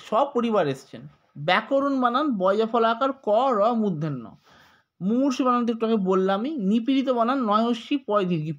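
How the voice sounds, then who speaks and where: A man with a high voice and a Bengali accent teaches spelling to exam students. He dictates corrections slowly, spells each word out letter by letter and repeats the key points patiently. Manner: slow, repetitive, spells words letter by letter. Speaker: exam tutor.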